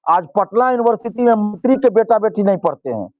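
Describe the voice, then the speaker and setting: A man's voice: high voice, expressive, brisk, narrow, tinny audio. A male student leader, giving impassioned interview answers and repeating phrases for force.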